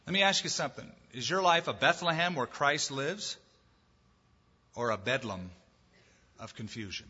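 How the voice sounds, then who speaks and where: A man's voice: medium pitch, lively intonation, moderate pace, pushed and bright, husky, big-room sound, dull audio. A male pastor preaching emphatically, asking the congregation questions and ending in prayer. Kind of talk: sermon and closing prayer.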